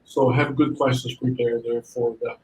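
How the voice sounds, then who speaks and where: A man's voice: mid-range voice, level tone, normal speed, a little mellow, a little hiss or hum, low-quality recording. A male admissions consultant, a podcast guest, giving advice in a rambling way, with frequent restarts and "you know"s.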